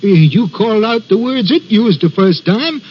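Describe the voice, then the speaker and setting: A jittery railway signalman in a vintage radio thriller, his pitch running high for a man. He stumbles over his words as he recounts the story. The recording is dull and muffled, with a faint hiss. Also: big pitch swings. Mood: haunted. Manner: halting, stammering storyteller. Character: haunted, nervous railway signalman. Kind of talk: 1940s radio acting.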